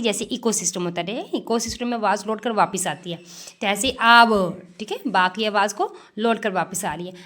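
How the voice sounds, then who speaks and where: A woman teaching tajweed step by step, reciting words slowly and drawn out, then explaining the rules and answering her own questions. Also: on the high side, a bit bright. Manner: slow drawn-out recitation of verses between explanations; frequent "theek hai" check-ins.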